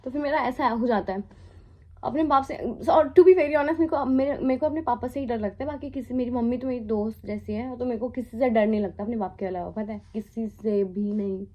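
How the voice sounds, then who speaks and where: A woman's voice: on the high side, a little fast, lo-fi sound. A young Indian woman in her twenties, a flight attendant telling a storytime vlog in casual Hindi mixed with English. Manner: chatty, mixes English into Hindi, asides and laughs.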